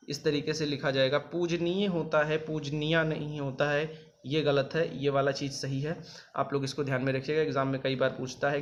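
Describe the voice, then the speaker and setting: A man's voice: on the high side, dull audio. Patient spelling teacher, man. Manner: patient, repeats each word slowly and spells it out. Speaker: exam coaching teacher. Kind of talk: spelling lesson over written slides.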